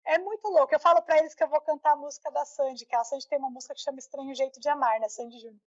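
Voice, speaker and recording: A woman's voice: sits high, fairly even intonation, rapid-fire, no echo, muffled recording. A Brazilian woman co-hosting a podcast, chatting casually and emphatically with frequent tag questions. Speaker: podcast co-host. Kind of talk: casual conversational chat.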